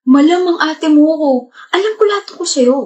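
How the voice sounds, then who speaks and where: Sharp-tongued high-voiced woman acting in skits. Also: normal speed. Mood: gloating. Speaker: lead actress in skits. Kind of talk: comedic skit acting.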